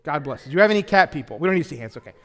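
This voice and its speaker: A man preaching a sermon in a conversational, joking way, with sudden loud bursts. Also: fairly high pitch, animated, rapid-fire, big-room sound. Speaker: pastor. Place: church auditorium.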